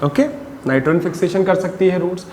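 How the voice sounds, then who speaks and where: A man teaching biology in a mix of Hindi and English, asking the class short questions and answering them himself, and slowing down to dictate definitions. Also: sits high, darkish tone. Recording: long reverb, faint background noise.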